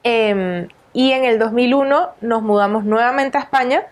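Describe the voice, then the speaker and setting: A woman in her thirties from Venezuela, a nutritionist guest in an interview, calmly recounting her life in many countries. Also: a little high, normal speed. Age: 30s. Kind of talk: interview storytelling.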